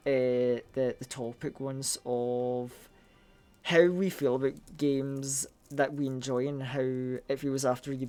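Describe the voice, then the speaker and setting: A Scottish streamer talks through a game live in loose, casual chat. The voice sits at a middling pitch and runs excitable, with plenty of swearing. Words trip and repeat as the thoughts tumble out. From Scotland.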